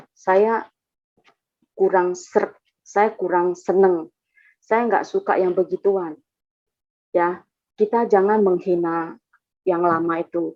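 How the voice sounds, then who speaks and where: Rambling woman, lo-fi testimony. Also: mid-range voice. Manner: rambling, repeats herself, animated when quoting. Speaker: testimony giver. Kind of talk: casual spoken testimony. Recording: dull lo-fi sound.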